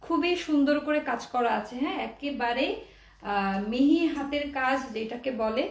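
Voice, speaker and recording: A high-voiced young woman from Bangladesh runs a chatty dress sale at home, slipping English words into her talk. She sounds a little out of breath. Her voice rings in an echoey room, a bit away from the mic. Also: normal speed, distant mic. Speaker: online clothing seller. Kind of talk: casual live product showcase.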